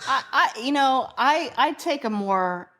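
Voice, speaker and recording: A woman's voice: high voice, animated, a little slow, fairly bright tone, slight background noise. Woman, podcast co-host, casual chat, dry, pragmatic, laughs easily.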